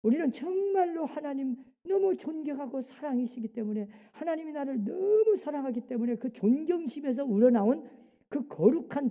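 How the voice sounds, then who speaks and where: A woman pastor preaches in a church, her voice somewhat high yet dark and mellow in tone. She keeps throwing rhetorical questions and short prompts at the congregation. A long reverb from the hall trails behind each phrase. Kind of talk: sermon. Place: church sanctuary.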